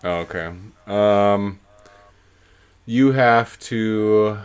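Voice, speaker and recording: A man's voice: lowish voice, extremely slow, clear, resonant tone. A man co-hosting a podcast in casual chat, playful and teasing. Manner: playful, teasing, hands out punishments. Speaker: podcast co-host.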